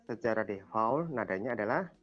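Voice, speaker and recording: Low-voiced man teaching an online class. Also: expressive, fairly quick, lo-fi sound. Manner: quizzes students, repeats answers patiently. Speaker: Thai language teacher.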